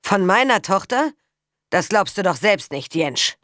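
A woman reading a stern, commanding rural father who scolds and scorns, in a loud, raised voice. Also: a little high, fairly quick, no echo, studio quality, close to an everyday voice. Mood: stern scolding.

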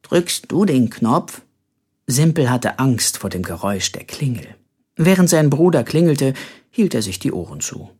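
An audiobook narrator reading a story with expressive, varied delivery. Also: mid-range voice, normal speed, breathy edge. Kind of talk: scripted narration.

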